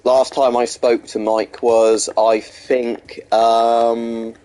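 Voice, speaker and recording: Extremely slow and flat, this streamer's mid-range voice has a dark tone as he gives casual commentary on his game. He rambles through chat questions and gameplay, pausing often with ums and restarting sentences, and has a slight sore throat and blocked nose.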